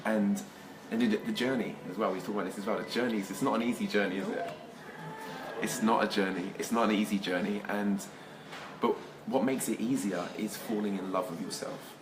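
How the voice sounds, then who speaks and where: A man hosts a casual live talk, enthusiastic and a little rambling, often repeating words. His voice sits slightly low. Clear ambient noise fills the background. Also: fairly even intonation, a little fast. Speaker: host. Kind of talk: casual conversation.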